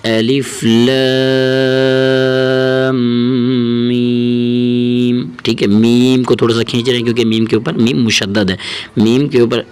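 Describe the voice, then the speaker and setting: A man explains a Quran reading lesson at a mid-range pitch. He talks patiently and repeats each point, often checking that his listeners follow. When he recites letters, he draws them out slowly. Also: fairly even intonation, darkish tone.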